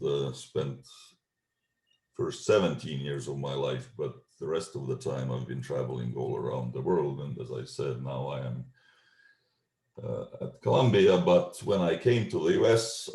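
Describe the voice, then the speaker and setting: A middle-aged man with an Estonian accent giving a scientific talk over a video call, measured and full of ums and uhs. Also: rumbling low, dark tone. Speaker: genetics researcher giving a talk. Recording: echoey room.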